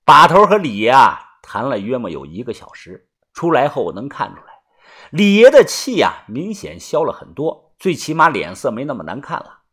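Husky man telling a story aloud. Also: medium pitch, huge pitch swings, fairly bright tone. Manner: colloquial, lots of drawn-out filler particles. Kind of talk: first-person audiobook narration.

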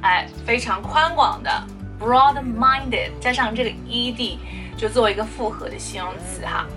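A woman teaching spoken English, explaining words and repeating them slowly for practice. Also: on the high side, distant mic, music in the background.

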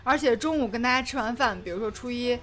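A woman's voice: a little high, fast talker, a bit bright. A woman chatting casually as a co-host of a group talk show. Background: faint background music.

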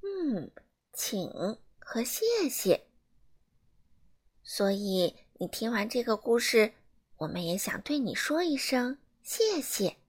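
A woman reading a children's storybook aloud in an animated way, asking the listeners questions. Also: a little high, slow.

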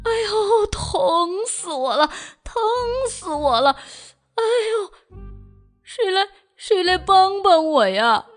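A woman's voice: sits high, big pitch swings, extremely slow, long pauses, soft background music, exaggerated voice. A woman voicing a big boastful male tiger with a toothache, whining and groaning, in a children's storybook reading. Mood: pained groaning.

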